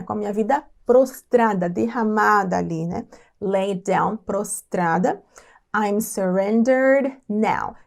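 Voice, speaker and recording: A woman from Brazil teaching English through song lyrics, patiently explaining and slowly repeating each English phrase. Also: mid-range voice, a little mellow. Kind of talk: lyric-by-lyric language lesson.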